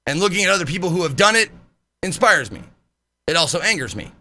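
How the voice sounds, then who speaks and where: A man streaming live, chatting casually in a loud, animated way and swearing freely. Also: sits high, fast, a little hiss or hum.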